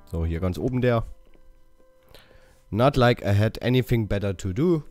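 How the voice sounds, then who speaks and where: A man giving a casual game walkthrough, haltingly reading out English dialogue options and correcting himself as he goes. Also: lowish voice, animated, a little mellow, dry recording, faint music behind. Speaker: gaming channel host.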